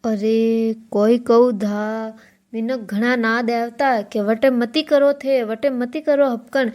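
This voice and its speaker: A woman's voice: on the high side, steady tone, slow, darkish tone. A woman voicing a gossiping older mother-in-law in a cartoon comedy, speaking with a Marwari accent and complaining about her family. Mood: gossipy. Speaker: cartoon character.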